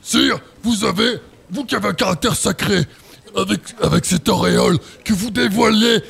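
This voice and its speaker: An eager auditioner hamming up a valet's part, played by a man in a comedy sketch. His voice is high and bright, with heavy gravel and a raspy edge. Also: moderate pace, full character voice. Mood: overwrought. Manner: shouting, theatrical. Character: eager male auditioner playing a shouting valet.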